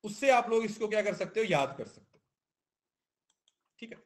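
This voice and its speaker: Male teacher, high voice, repetitive, keeps checking in with students. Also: expressive, normal speed. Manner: mixes in English terms. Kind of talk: classroom lecture.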